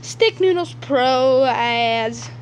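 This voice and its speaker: A woman's voice: sits high, expressive, drawn-out words, slight background noise. A woman talking through a casual app tutorial as a YouTuber, rambling and jokey, with asides muttered under her breath. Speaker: YouTuber demonstrating apps.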